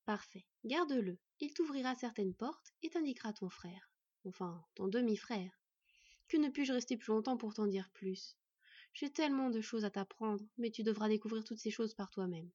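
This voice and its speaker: A woman voicing a gentle dying elf mother who speaks softly and tenderly in a storybook reading. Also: on the high side, moderate pace, husky, dry recording, dull audio. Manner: soft, tender, sing-song.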